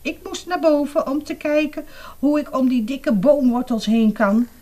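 A woman's voice: high-pitched, steady tone, normal speed, darkish tone, voice pushed up, close to an everyday voice. A woman reading aloud and voicing a small, kind male mole in a children's picture book. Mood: cheerful.

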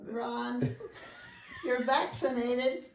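A feisty American grandmother in her mid-nineties talks bluntly and swears freely in a casual home chat, filmed in her living room for family social clips. Her voice is high-pitched and very slow. A phone camera a few feet away captures roomy, echoing audio with slight background noise.

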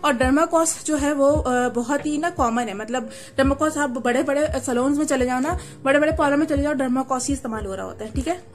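A young woman speaking through a cloth veil, chatting casually as she reviews a beauty product and keeps adding quick check-ins. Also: high-pitched. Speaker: beauty vlogger. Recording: faint music behind.

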